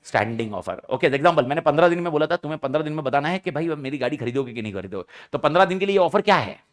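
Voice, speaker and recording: Male teacher, revision lecture, lively pitch, fairly high voice. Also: very fast. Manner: animated, quizzes students and answers his own questions; acts out quoted speakers in example scenarios. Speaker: law teacher.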